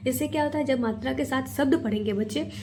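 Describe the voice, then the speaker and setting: A woman teaching a phonics lesson to parents, reading syllables aloud one at a time in a slow, patient way. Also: sits high, a little mellow, a little hiss or hum. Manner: explains to parents, then models sounds.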